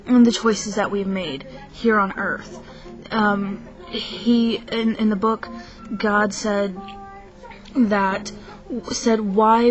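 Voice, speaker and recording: A woman's voice: a little high, low-quality recording. A young woman venting to the camera in a casual rant, hesitant and frank, tired from too little sleep, often stopping to restart her sentences. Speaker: vlogger. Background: faint film soundtrack music.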